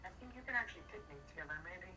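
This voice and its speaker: A man chatting casually on a live game stream, relaxed and joking, often trailing off mid-thought. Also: sits high, racing, faint music behind. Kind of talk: casual chat while playing. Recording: distant mic with clear background noise.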